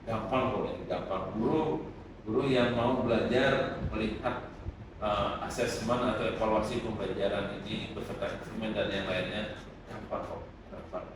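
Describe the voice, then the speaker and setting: A middle-aged man, a guest lecturer, giving calm advice to students in a podcast interview, with many hesitant fillers. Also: fairly low pitch, moderate pace. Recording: echoey room, far from the mic, noisy.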